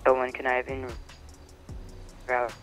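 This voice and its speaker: A man's voice: medium pitch, monotone, measured pace, fairly bright tone, lo-fi sound, soft background music. A man calling in over game radio traffic, his transmission choppy and cutting out, sounding distant. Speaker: officer radioing dispatch.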